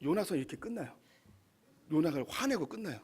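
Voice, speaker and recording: A man's voice: a little high, animated, brisk, darkish tone, slightly rough. A male pastor giving a sermon in a conversational, emphatic way to his congregation in a church.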